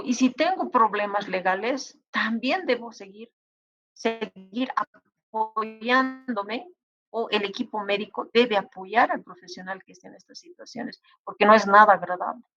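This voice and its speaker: A woman's voice: fairly high pitch, moderate pace, sharp tone, highs cut off. A woman lecturing medical students, giving advice and acting out exchanges between colleagues. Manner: advising, acts out colleagues' dialogue. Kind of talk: university lecture.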